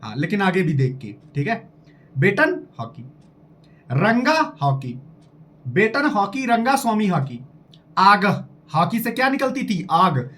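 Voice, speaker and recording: A male coaching teacher with a fairly high voice that leaps up and down as he drills his students. He talks straight to the listener, firing questions and repeating items to make them stick. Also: measured pace, pauses often. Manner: animated, quizzing listeners directly, repeating items. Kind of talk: lively exam-prep lesson with memory tricks.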